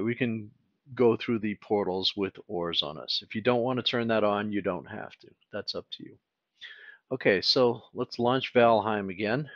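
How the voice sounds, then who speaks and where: A man talking through a game tutorial in a relaxed, casual way, thinking aloud with fillers as he clicks along. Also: on the low side, dry recording, muffled recording. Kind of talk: casual screen-recorded tutorial.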